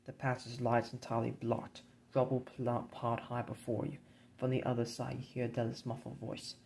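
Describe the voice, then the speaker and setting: A man narrating a dark board game campaign in a measured, grim storybook reading. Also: mid-range voice, monotone, vocal fry, slight background noise, poor audio.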